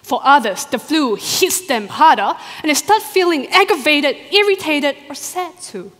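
A woman doctoral researcher giving a rehearsed competition talk to a live audience in a large hall, expressive and full of rhetorical questions. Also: sits high, normal speed. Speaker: doctoral researcher presenting her thesis. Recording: long hall reverb.

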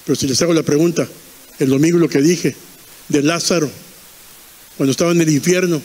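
A man's voice: a little high, steady tone, a little fast, darkish tone, big-room sound. A man preaching a fervent sermon in a church, repeating lines and quizzing the congregation.

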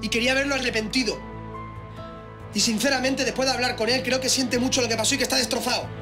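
A man's voice: very high voice, steady tone, quick pace, over music. An actor in his twenties from a naturalistic TV drama, playing a defensive, earnest younger son with a Spanish accent from Spain. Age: 20s.

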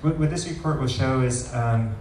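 During a live product demo in a large, wood-ceilinged indoor meetup space, a man speaks in a mid-range voice, casual and full of pauses. A distant camera records the room, leaving the audio roomy with a little faint noise.

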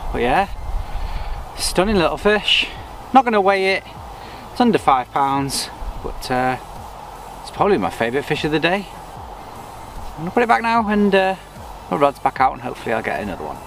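Chatting easily while he fishes from a lakeside bank, a man with a voice on the high side walks himself through every step at normal speed. It's a vlog shot on a camera placed on the bank in front of him, and faint outdoor noise comes through.

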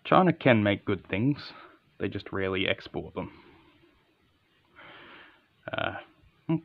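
Male product reviewer, low gravelly voice, understated and casual, slightly dull camera audio. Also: lively intonation, slow, no room sound. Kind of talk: casual, unscripted hands-on review.

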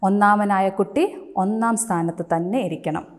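A woman reading the lines of a kind, encouraging male schoolteacher in a storybook tale. She coaxes him along, lifting her voice and speaking louder for his questions. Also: mid-range voice, moderate pace, lightly acted. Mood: coaxing. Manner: coaxing, raised and louder in questions.

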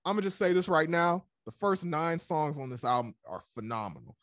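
A man's voice: fairly high pitch, expressive, moderate pace, fairly bright tone, no echo. A man guests on a casual music podcast, his voice swinging widely up and down as he tells a story. The sound is dry and close, with no room around it. He acts out his own reactions as he goes.

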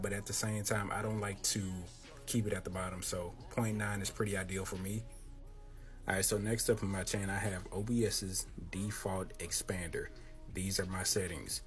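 A content creator in his thirties with a deep, boxy voice gives a casual tutorial on his audio setup from a small room at home. He's laid-back and slangy, speaking right up close to a handheld microphone.

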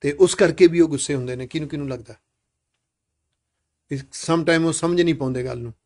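A man's voice: a little high, brisk, darkish tone. A man leading a live classroom discussion with children, asking many questions and urging them to speak up.

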